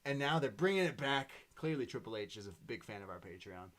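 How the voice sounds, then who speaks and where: A man co-hosting a wrestling podcast, retelling a show in quick, animated play-by-play. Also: mid-range voice. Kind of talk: casual show recap chat.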